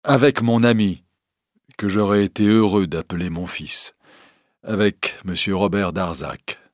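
A man's voice: deep voice, measured pace, no room sound. Grieving elderly professor, subdued and sighing, read by a man, dry close sound. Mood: grave. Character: grieving elderly male professor, weary and proud. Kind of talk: audiobook character reading.

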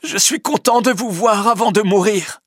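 A man's voice: high-pitched, normal speed, fairly bright tone, no echo, studio quality, voice pushed up. Worn-out young man near death in a storybook, read by a man, raised and heartfelt. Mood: weary.

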